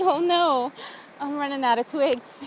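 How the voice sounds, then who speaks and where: An American vlogger chats to the camera outdoors by a campfire while cooking, chatty and giggly, laughing often. Her voice sits high and moves slowly, with slight background noise behind it.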